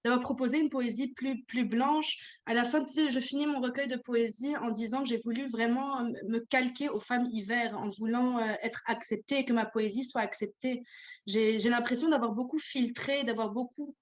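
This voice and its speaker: A woman's voice: on the high side, steady tone, normal speed. A woman poet speaking on an online panel, hesitant and full of fillers.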